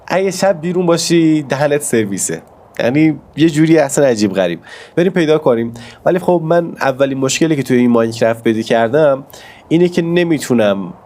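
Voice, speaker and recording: A man with a hoarse voice from a cold, chatting excitedly to his viewers as he comments on his own gameplay. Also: a little high. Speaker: gaming YouTuber.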